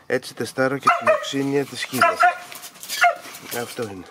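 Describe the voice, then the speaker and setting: A man training hunting dogs outdoors, explaining his methods in an instructive, emphatic way. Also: mid-range voice. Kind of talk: explaining to camera while working dogs. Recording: loud outdoor noise with barking dogs. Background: dogs barking.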